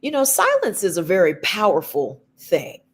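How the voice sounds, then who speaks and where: A woman co-hosting a talk show, giving relationship advice in a slow, deliberate and emphatic way. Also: medium pitch, wildly swooping pitch, breathy edge. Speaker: podcast co-host.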